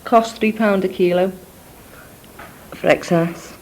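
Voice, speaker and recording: Recording a spoken letter to family on cassette indoors, this young woman wanders along with plenty of ums and side remarks in an accent mixing Scouse and Scottish. She talks slowly at medium pitch with a darkish tone, and the audio is poor.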